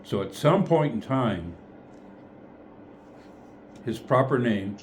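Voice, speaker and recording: A man's voice: medium pitch, lively intonation, slow, slight background noise. A man leading a casual group Bible study, thinking aloud in a tentative way and often correcting himself.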